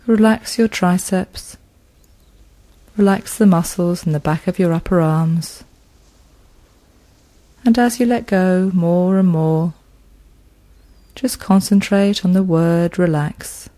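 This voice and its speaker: Slow, soothing woman guiding relaxation. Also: on the low side, dark tone. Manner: slow, soothing, with long pauses. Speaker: relaxation guide. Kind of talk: guided progressive muscle relaxation.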